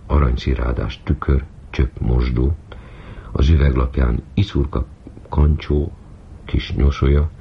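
A man narrating a novel in a measured way on an old radio broadcast. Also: extremely low pitch, vocal fry, slight background noise. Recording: dull old radio recording.

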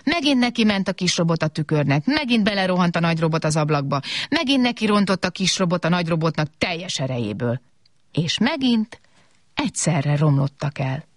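Expressive woman reading a children's story. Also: on the low side, no room sound, clean studio sound. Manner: animated, expressive.

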